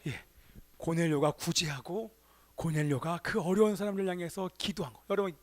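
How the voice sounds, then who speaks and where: A male pastor with a high-pitched voice preaches a Sunday sermon in a church sanctuary. He keeps asking the congregation rhetorical questions. His delivery swings from emphatic, raised exclamations to soft, hushed asides. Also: fairly even intonation, moderate pace.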